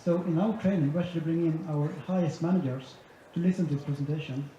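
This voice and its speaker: A man's voice: on the high side, fairly even intonation, fast, mellow, slight background noise. Man presenting in an echoey hall. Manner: methodical, summarizing point by point. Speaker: conference speaker. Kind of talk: conference presentation. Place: large conference hall. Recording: echoey hall, dull sound, faint ambience.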